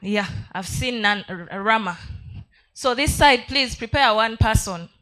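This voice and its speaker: A woman's voice: a little high, unhurried, fairly bright tone, poor audio. A woman with a Ugandan accent informally hosting a live audience, playfully coaxing people to take part. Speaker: event host.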